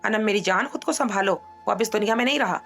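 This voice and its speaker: A woman voicing a worried mother who soothes her daughter softly. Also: mid-range voice, fast, gravelly, soft background music.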